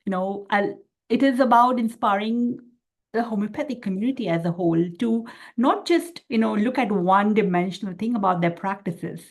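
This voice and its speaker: A woman's voice: medium pitch, normal speed. Appreciative woman interview host. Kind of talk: interview wrap-up.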